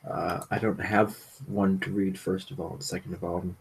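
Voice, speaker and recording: A man chats on a livestream, holding back his usually loud voice. His voice is very low and gravelly. A faint ambience sits under him. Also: level tone, normal speed, a little hiss or hum, low-quality recording. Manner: says he is loud normally, trying to keep his voice down. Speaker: livestream guest. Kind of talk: casual livestream chat.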